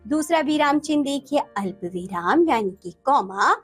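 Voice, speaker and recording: Woman teacher talking to kids, high bouncy voice going up and down a lot, faint music under it. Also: lively intonation, normal speed, slightly rough. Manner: addresses children warmly, reads examples aloud with emphasis. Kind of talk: textbook lesson for children.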